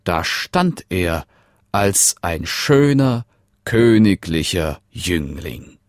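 A man narrating a fairy tale in a measured, expressive storybook reading. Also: low voice, no echo, studio quality.

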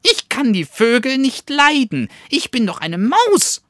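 A man doing a shrill, terrified little bat. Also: huge pitch swings, measured pace, a bit bright, no echo, clean studio sound, full character voice. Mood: terrified pleading. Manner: shrill pleading squeaks. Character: frightened little female bat, squeaking.

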